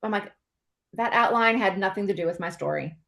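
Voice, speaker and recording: A podcast host and author with a medium-pitched, brisk, gravelly, slightly bright voice conducts a casual conversational interview. She's chatty and agreeable, speaking in loose asides.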